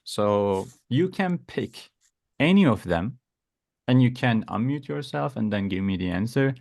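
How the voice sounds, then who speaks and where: A man's voice: medium pitch, animated, measured pace, creaky, darkish tone, dry recording, clean studio sound. A man teaching an interactive online language lesson, encouraging his students as he explains and gives examples. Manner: encouraging, praising. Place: online video class.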